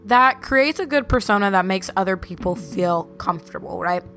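A young woman hosting a podcast tells personal stories in a casual monologue, soft background music playing. Her medium-pitched voice is animated and a bit bright at a normal speed, and she talks valley-girl style, full of "like."

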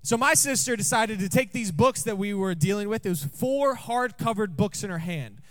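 A man with a rather high voice preaches in a church, telling a personal story. His delivery is jokey and conversational, and he keeps throwing questions out to the congregation. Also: animated, moderate pace, fairly bright tone. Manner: jokey, asks the room questions often.

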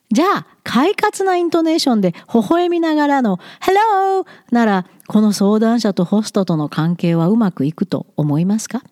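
A frank woman gives blunt, lightly teasing advice in a casual monologue. Her fairly high voice swings up and down with plenty of life. The sound is close and dry, with no room around it. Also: mellow, no echo. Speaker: study-abroad commentator.

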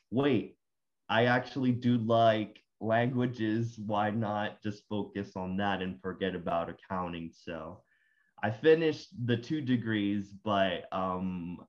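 A young man from Puerto Rico, a graduate student, answers interview questions as a guest, hesitating a lot and filling his speech with fillers and restarts. His voice is low-pitched and the audio sounds dull.

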